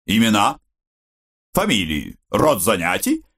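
A man's voice: on the low side, wildly swooping pitch, slow, vocal fry, a bit bright, husky, exaggerated voice. A man voicing an ironic young man who jokes with nervous bravado in a wry, bantering way. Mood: joking.

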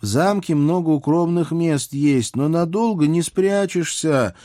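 A man's voice: a little high, a little slow, mellow, dry recording, clean studio sound, pitched above the performer's own voice, close to an everyday voice. A man reading an audiobook, voicing a blunt, folksy young princess who is half demon, with wry colloquial retorts. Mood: serious. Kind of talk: audiobook character voice.

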